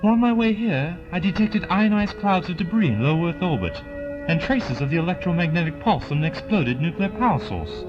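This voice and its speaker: A man's voice: high voice, sing-song, moderate pace. A man playing an eccentric, genial alien scientist in an audio drama, with theatrical, wordy politeness. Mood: confident, explaining. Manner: theatrical, whimsical, old-fashioned wordy politeness. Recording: dull lo-fi with loud music behind.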